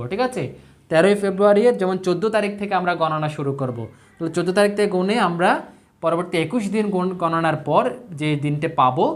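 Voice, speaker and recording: A man teaching a children's math lesson, patient and checking understanding with frequent questions. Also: sits high.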